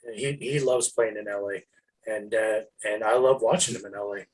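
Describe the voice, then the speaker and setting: A man's voice: lowish voice, husky, poor audio. A man co-hosting a sports podcast, talking casually with frequent restarts and swearing. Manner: animated, swearing, halting restarts. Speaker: podcast co-host.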